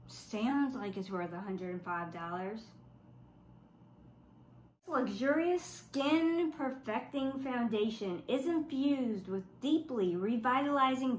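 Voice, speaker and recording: Stuffy and congested from the flu, a woman from South Louisiana casually reviews makeup as a beauty vlogger, skeptically and wryly reading product claims aloud. Her pitch is fairly high. The rough recording sounds roomy, with a touch of hiss or hum.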